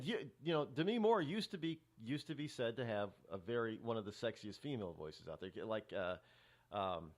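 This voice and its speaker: A middle-aged man hosting a talk show, rambling through a casual monologue with many restarts and fillers. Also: medium pitch.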